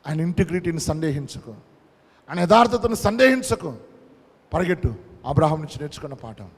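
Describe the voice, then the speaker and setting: A male pastor delivers a fervent sermon, hammering home his points through repetition and dropping in English phrases. His voice sits high for a man. A long hall reverb trails behind each line. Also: very animated, fairly quick. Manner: preaching with emphatic repetition, mixing in English phrases.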